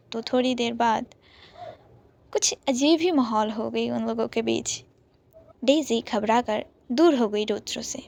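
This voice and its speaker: A woman narrating a romance story in a calm, soft-spoken way. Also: a little high, vocal fry.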